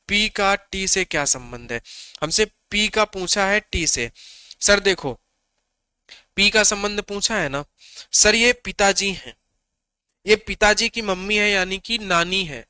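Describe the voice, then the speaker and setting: A young adult man teaches an exam-prep reasoning lesson in a high, pushed, bright voice that is clear and resonant, with no room sound. He poses questions and answers them himself, repeats key points, and keeps coaxing the class along.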